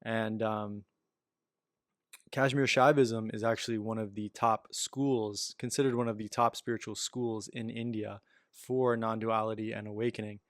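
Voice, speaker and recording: A man's voice: fairly low pitch, little pitch movement, measured pace, no room sound, clean studio sound. A man giving a casual, reflective spiritual talk as a meditation teacher, filling his sentences with "you know" and "um.".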